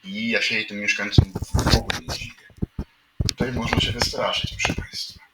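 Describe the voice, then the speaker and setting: A man drifts through the news in a meandering live commentary, full of wry asides and repeated addresses to the audience. His voice sits low. It sounds roomy and a bit far from the mic, with noise in the background. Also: little pitch movement, normal speed. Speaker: livestream host reading news headlines. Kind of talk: rambling live commentary on headlines. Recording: echoey room, mic at a distance, audible noise.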